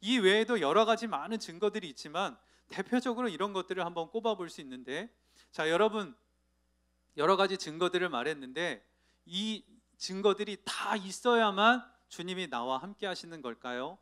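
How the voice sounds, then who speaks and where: A male pastor preaching to a youth congregation in church, telling stories with lively acted-out voices and asking his listeners questions. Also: high-pitched, normal speed. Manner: lively storytelling, acting out the people in his anecdotes; asks the audience questions directly. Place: church sanctuary.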